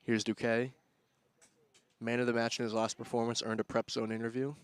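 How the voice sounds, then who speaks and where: A young man doing play-by-play commentary on a school soccer match, jumping up loudly when attacks build. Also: medium pitch, a little fast, smooth. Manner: excitable, rising loudly on attacks. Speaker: student sports commentator.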